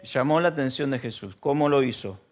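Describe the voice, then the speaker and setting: A pastor with a Rioplatense Spanish accent delivers a casual church sermon, posing questions to the congregation and acting out shouted lines. His mid-range voice has lively intonation and moves a little fast.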